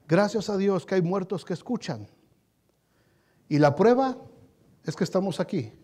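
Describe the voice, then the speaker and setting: A male pastor preaching a sermon with passion, dropping to hushed tones and then rising loud, and often calling his listeners brothers. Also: high voice, expressive, a little slow.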